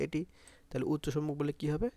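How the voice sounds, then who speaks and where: A man's voice: fairly high pitch, steady tone, fast, warm tone, no echo. A man with a Bangladeshi Bengali accent teaching an exam-prep grammar lesson, repeating points and asking pupils to say sounds aloud.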